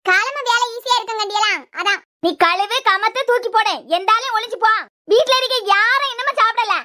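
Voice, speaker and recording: A performer voicing a quarrelsome cartoon housewife with a Kanyakumari Tamil accent, scolding in sharp retorts. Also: a little fast. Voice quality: very high, squeaky cartoon voice. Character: quarrelsome housewife of a joint family. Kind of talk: cartoon web series dialogue.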